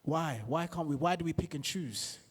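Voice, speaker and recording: A man with a fairly high voice talks about faith in an earnest, preachy way. He keeps coming back to rhetorical questions and stacks them up. His voice rings out with a long reverb, as if he is in a hall. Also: normal speed, breathy edge. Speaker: panel member. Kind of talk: earnest faith-based discussion.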